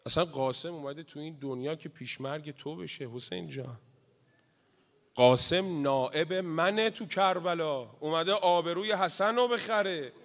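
A man delivering a mourning sermon, swinging between loud wailing cries and hushed grieving murmurs. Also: on the high side, in a large hall. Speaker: religious eulogist.

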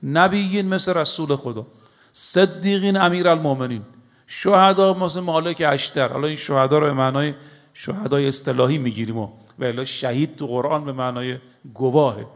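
Man, preacher, sermon, slightly raised pitch, storytelling, emphatic, speaks to the audience. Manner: storytelling with recited Arabic scripture; emphatic, addresses the audience directly.

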